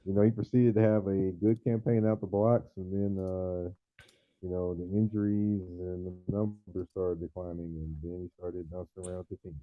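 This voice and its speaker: A man's voice: low voice, little pitch movement, normal speed. A man co-hosting a casual sports talk show, arguing his point firmly, his voice muffled as if through a wall on a headset call. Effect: muffled, as if heard through a wall. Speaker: co-host analyst on a sports show. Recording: dull muffled headset sound.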